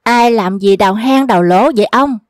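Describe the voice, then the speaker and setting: A woman's voice: medium pitch, normal speed, dry recording, studio quality, natural voice. A woman voicing a naive rich man's son who keeps asking curious questions.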